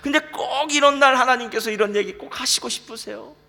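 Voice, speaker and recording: A man preaching a sermon as a pastor, talking lively and conversational, often asking the congregation questions. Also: very high-pitched, brisk, creaky. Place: church sanctuary. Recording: reverberant church hall.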